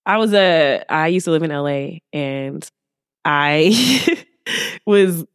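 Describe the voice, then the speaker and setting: Appearing as a podcast guest, this music artist from Oakland, California talks casually and slangily in her Bay Area accent, staying laid-back. Her low, resonant voice is animated yet slow-paced and clear, with studio-quality sound and no echo.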